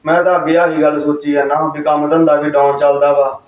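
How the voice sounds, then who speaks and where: A man's voice: a little high, flat delivery, fast talker, highs cut off, natural voice. An actor playing a hesitant brother placating his complaining wife. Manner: placating, reluctant. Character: hesitant brother, easily swayed. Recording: echoey room, far mic.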